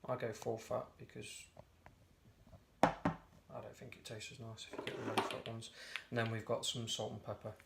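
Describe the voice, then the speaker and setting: This home cook presents a recipe in a casual step-by-step demonstration, his medium-pitched voice hoarse and croaky and his pace normal. He's relaxed and talkative and keeps fixing himself mid-sentence, all recorded on noisy home video.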